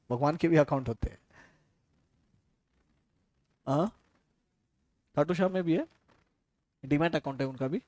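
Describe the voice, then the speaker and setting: A man's voice: fairly high pitch, a little mellow, dry recording. A man from India giving a casual, chatty classroom lecture, telling stories and asking his students questions.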